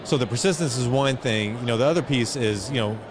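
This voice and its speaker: Against crowd noise, street sounds and vehicle ambience at a noisy outdoor event, a middle-aged man talks quickly in a mid-range voice. He's being interviewed as a guest, an entrepreneur and foundation chairman, and his manner is reflective and conversational.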